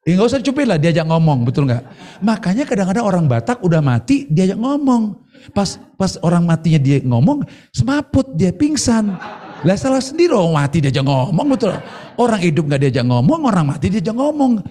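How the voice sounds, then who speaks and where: A man's voice: high voice, big pitch swings, a little fast, dark tone. A male pastor preaching at a church service streamed online, acting out bits of dialogue in a playful way. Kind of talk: sermon.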